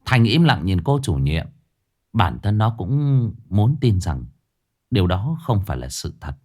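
A man narrating a ghost story with expressive, dramatic pacing. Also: fairly low pitch, measured pace.

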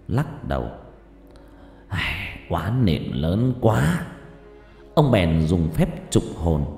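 A man's voice: sits low, mellow. A man narrating a scripted horror story with dramatic delivery. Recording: echoey hall reverb with music.

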